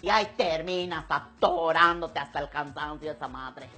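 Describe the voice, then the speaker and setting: A woman doing a profane stand-up comedy monologue, acting out relatives in quick voices. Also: sits low, bright, forceful tone, faint music behind. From Yucatán, Mexico.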